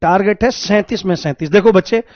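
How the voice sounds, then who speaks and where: A man teaching a live online class, lively, repeating points and questioning his students. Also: high voice, fairly quick, dry recording, dull audio.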